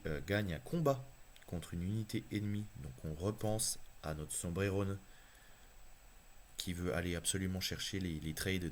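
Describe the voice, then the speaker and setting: Deep-voiced man excitedly breaking down cards. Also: slight background noise. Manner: enthusiastic, chatty, thinks aloud with fillers. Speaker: card game YouTuber. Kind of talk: casual card analysis.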